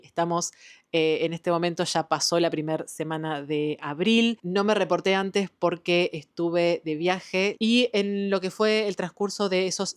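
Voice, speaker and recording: In a laid-back book wrap-up, this woman talks eagerly about her latest reads in an Argentine Spanish accent, often dropping in "eh" and "em." She's a book vlogger whose voice is smooth and fairly low.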